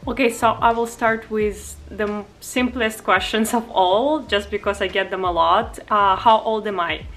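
Twenties woman, Russian accent, bright voice, casual vlog chat into a nearby camera. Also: medium pitch, moderate pace, slight background noise. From Far East Russia. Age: 20s. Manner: chatty, frequent "um" and "like", light laughs. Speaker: vlogger. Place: bedroom, indoors. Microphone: camera at close range.

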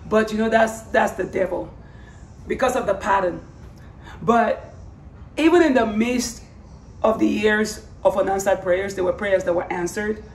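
A woman with a hoarse voice that is giving out, talking casually and earnestly in a personal vlog, rambling and repeating phrases for emphasis. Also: mid-range voice, measured pace, long pauses. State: hoarse, losing her voice. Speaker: vlogger. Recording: roomy, distant mic, faint background noise.

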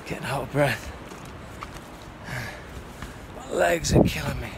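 A man's voice: on the high side, takes it slowly, gravelly, noisy background. A man narrating his mountain trek vlog in a casual, rambling, self-deprecating way, recorded outdoors on a handheld camera. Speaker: trekking vlogger.

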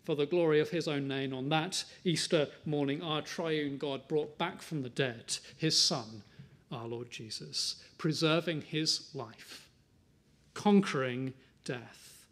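A man with a voice on the high side preaches a sermon, earnest and measured. He builds up to emphatic lines, then drops to soft, tender ones.

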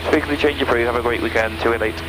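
A male pilot with a mid-range voice makes radio calls and mutters through flight checks. He is heard in a small aircraft cockpit, with clear engine noise behind him. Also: mid-range voice, steady tone, racing. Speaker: private pilot. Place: small propeller plane cockpit.

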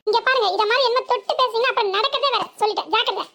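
Woman doing a super high-pitched cartoon village wife, southern tamil nadu accent, sharp and scolding. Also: racing. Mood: angry, defiant. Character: young village wife, proud and defiant. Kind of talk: cartoon voice acting.

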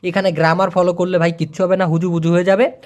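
A Malay teacher gives a video lesson. The teacher says foreign phrases very slowly, repeats them, and keeps coaxing viewers with please and brother. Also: mid-range voice, little pitch movement, a little mellow.

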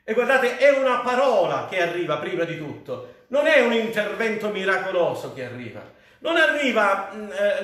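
A man's voice: sits high, fairly bright tone. An Italian man preaching a sermon as pastor, fervent and rising on cries to the Lord. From Italy. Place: church. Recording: very echoey church hall.

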